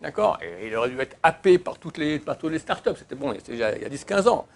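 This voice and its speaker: A man's voice: a little high, animated, quick pace, gravelly. A rabbi giving an emphatic Torah lesson in answer to a question, repeating his key words.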